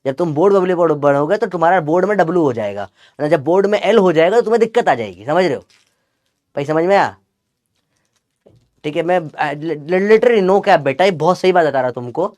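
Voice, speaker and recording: A man's voice: a little high, lively intonation, normal speed, a little mellow, no echo. A young man teaching physics in a chatty, teasing lecture. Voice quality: chatty, teasing, calls students beta. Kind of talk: classroom lecture with Gen Z slang.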